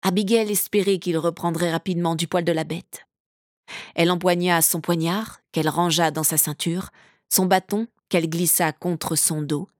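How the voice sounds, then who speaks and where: A woman narrating a fantasy audiobook in a steady, measured storytelling manner. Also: on the low side, no echo, clean studio sound.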